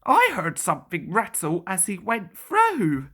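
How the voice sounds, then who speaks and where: A woman's voice: lowish voice, huge pitch swings, unhurried, a bit bright, exaggerated voice. A woman voicing a shy, earnest, modest male steam engine in a children's storybook. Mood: cross.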